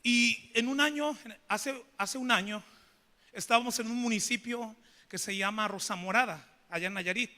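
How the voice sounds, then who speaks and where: High, bright preacher in church. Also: male voice, normal speed. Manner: questions the congregation, animated preaching. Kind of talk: sermon with storytelling. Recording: reverberant church hall.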